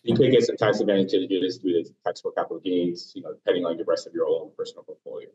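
Low-voiced male webinar panelist, hesitant, on a dull underwater-sounding remote mic. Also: fairly even intonation, fast, warm tone, far from the mic. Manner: hesitant, full of "um" and "you know". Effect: muffled, underwater-sounding remote mic. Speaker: investment panelist. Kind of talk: webinar explanation. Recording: muffled lo-fi call audio, off-mic.

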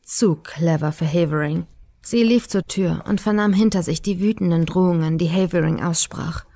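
A woman narrating a horror audiobook in a measured, ominous manner. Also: on the low side, dark tone. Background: faint eerie music.

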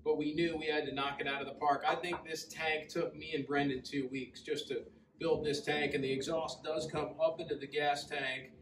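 A man's voice: a little high, normal speed. Man talking loosely with lots of uhs in an echoey showroom. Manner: relaxed, conversational, frequent ums and uhs. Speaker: custom motorcycle builder, shop owner. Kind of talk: casual walkaround shop tour. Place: large indoor motorcycle showroom with metal walls. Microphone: camera several feet away. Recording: roomy echo, distant mic, faint room hum.

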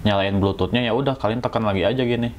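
Speaking indoors at home, a male motovlogger with a Sundanese-region Indonesian accent from West Java runs through a casual, slangy, joking hands-on tutorial. His fairly low voice moves very fast, with slight background noise behind it.

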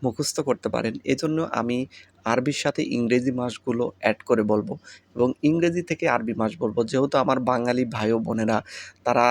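A man's voice: medium pitch, fairly quick. A man with a Bangladeshi Bengali accent teaching vocabulary in a casual spoken lesson, saying each word again and again so learners can memorize it. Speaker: language teacher.

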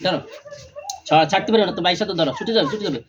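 A man filming a vlog outdoors among family, giving brisk directions and repeating religious phrases. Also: high-pitched, muffled recording, crowd noise. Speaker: vlogger. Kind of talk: casual vlog, instructing helpers.

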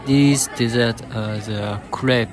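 A young man vlogging in a restaurant, explaining the dishes in slow, simple, short sentences. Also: mid-range voice, steady tone, crowd noise, noisy background. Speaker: food vlogger. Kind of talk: narrating a restaurant meal. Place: yakiniku restaurant, indoors.

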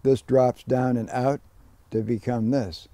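A man's voice: medium pitch, fairly even intonation, a little slow, a crowd in the background. Older man explaining canoe carving. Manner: plain, practical explaining with fillers. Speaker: canoe carver. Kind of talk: hands-on demonstration.

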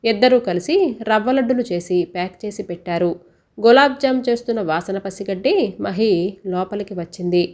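A woman telling a scripted family story in a steady storytelling voice. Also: medium pitch, a little fast.

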